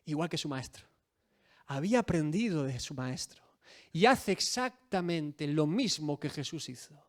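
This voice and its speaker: A man preaching a sermon in a high voice that swings widely up and down. He peppers his talk with rhetorical questions and dramatic quotes. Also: lively intonation, unhurried. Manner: rhetorical questions, dramatic quoting of scripture figures. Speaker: pastor.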